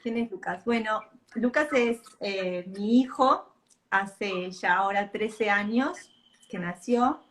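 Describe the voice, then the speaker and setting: A woman's voice: mid-range voice, takes it slowly, fairly bright tone. Reflective Argentine woman on a video call. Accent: Argentine Spanish. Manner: reflective, hesitant, many restarts. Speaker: guest author and mother. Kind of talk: live-stream interview.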